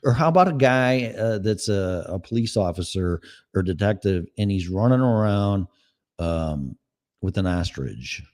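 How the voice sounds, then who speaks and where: A man with a low, darkish, animated but unhurried voice and a Chicago accent rants on his solo podcast. As host, he's blunt, sarcastic and profane.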